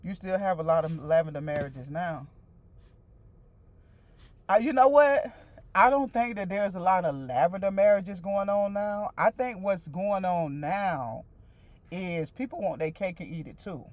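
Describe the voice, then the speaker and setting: A lowish, darkish voice at a measured pace belongs to this livestream host, a woman in her forties. She chats informally with her audience, circling back over her words and answering their comments.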